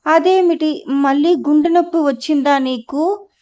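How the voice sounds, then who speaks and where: Woman reading a scared young woman pleading urgently, high voice, slow delivery, dull lo-fi audiobook sound. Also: mellow. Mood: frightened. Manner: urgent, anxious calling out.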